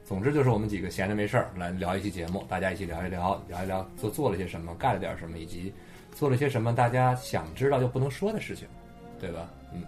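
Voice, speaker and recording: A man's voice: sits low, fast, a little mellow, faint music behind. A man hosting a casual Chinese podcast chat with guests. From China. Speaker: podcast host.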